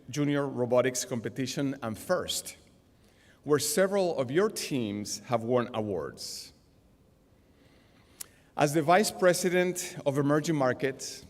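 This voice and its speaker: A middle-aged business executive with a Venezuelan Spanish accent and medium pitch delivers a formal, measured commencement speech at a podium. He stands on a large indoor auditorium stage, speaking into gooseneck microphones, with long hall reverb from the PA.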